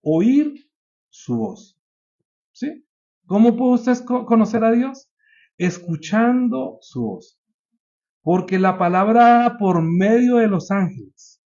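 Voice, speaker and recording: A man preaching a sermon, climbing to high emphatic peaks and putting questions to his congregation. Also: expressive, slow, long pauses, darkish tone, muffled recording.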